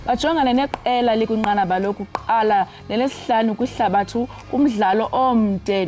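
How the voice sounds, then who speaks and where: A woman's voice: a little high, darkish tone. A South African woman, co-presenting and reading news for broadcast.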